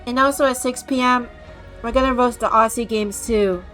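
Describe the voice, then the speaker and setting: A woman's voice: on the high side, fairly even intonation, moderate pace. Snarky woman streamer over music. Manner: snarky, dismissive, loud. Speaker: streamer reacting to a games showcase. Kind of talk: casual mocking commentary.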